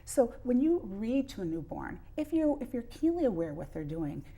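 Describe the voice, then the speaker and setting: A woman's voice: fairly high pitch, sing-song, moderate pace, mellow, breathy edge. A middle-aged woman, a pediatrician giving earnest explanations with examples as an interview guest. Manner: earnest, illustrates points with examples.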